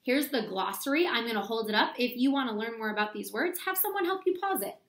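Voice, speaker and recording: An elementary school teacher reads to children quickly, her voice on the high side, fairly bright, with lively intonation. It's an instructional read-aloud where she explains step by step and asks them questions, set in a small room at home.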